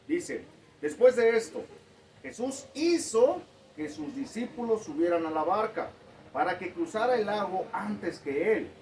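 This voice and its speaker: A man with a high voice reads scripture aloud and then explains it to his congregation in a plain, easygoing way. He sounds set back from the mic, with a faint hiss in the background. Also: sing-song, unhurried, darkish tone. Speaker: pastor. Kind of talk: sermon with Bible reading. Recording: distant mic with faint noise.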